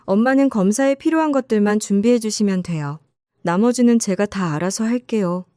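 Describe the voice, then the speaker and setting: A woman's voice: mid-range voice, fairly quick, mellow, no echo, clean studio sound, close to an everyday voice. A woman narrator voicing an indignant grown daughter who urgently defends her mother. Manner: urgent, insistent.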